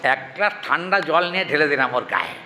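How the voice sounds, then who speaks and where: A man giving a devotional scripture talk, chanting Sanskrit verses slowly and often asking his listeners questions. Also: fairly high pitch, very animated, pushed and bright. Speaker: religious reader and preacher. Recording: hall reverb, faint ambient noise.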